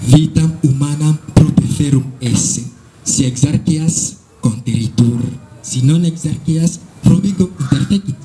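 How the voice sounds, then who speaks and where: Mellow-voiced Congolese French man explaining. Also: a little high, poor audio. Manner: explanatory, switching between Latin and French, with frequent hesitations. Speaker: student answering questions at a school event. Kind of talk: live question-and-answer explanation.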